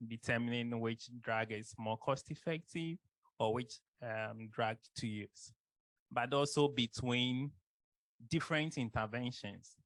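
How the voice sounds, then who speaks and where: A man explaining as a co-facilitator in a training session, in a measured, deliberate way. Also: medium pitch, dry recording, low-quality recording. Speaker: co-facilitator, expert.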